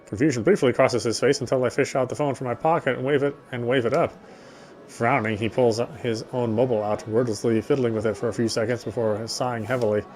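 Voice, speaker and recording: The man's mid-range voice moves at a quick pace with fairly even intonation and a slightly mellow quality. As a game streamer, he narrates a visual novel aloud with side comments, now and then stumbling over a line and repeating words.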